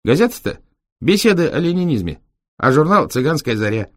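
A cheeky young Roma taxi driver, chattering in sly street slang, as a man reading a storybook plays him. His voice jumps up high and lively above the reader's own. The recording is dry and close. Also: a little fast, dry recording. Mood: boastful.

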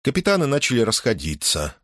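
A man narrating a science fiction audiobook in a measured, even reading style. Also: medium pitch, no room sound, studio quality. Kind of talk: scripted narration.

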